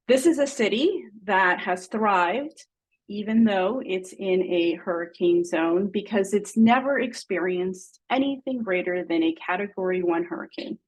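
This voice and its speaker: Woman from Mexico, webinar host on a video call; hits stressed words high, trails off quietly. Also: low-quality recording. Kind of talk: hosting an online webinar.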